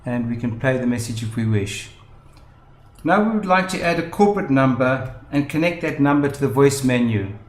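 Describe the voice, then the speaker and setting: A man with a mid-range voice and lively intonation narrates a tutorial at normal speed. He explains methodically, step by step, and the voice-over sounds roomy and echoey.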